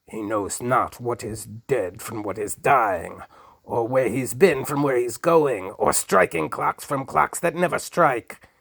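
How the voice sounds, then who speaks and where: A man voicing a cruel, cold old duke villain who snarls, rasps and screams. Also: mid-range voice, slow pace, fairly bright tone, no echo, full character voice. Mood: shrieking fury.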